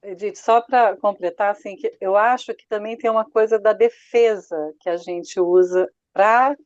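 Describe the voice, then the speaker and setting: A woman adding her thoughts in a church study group, hesitant and filling pauses often. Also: mid-range voice, fairly even intonation, darkish tone, dry recording, muffled recording. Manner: hesitant, repeats fillers like "então". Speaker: Bible study participant. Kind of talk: casual group discussion.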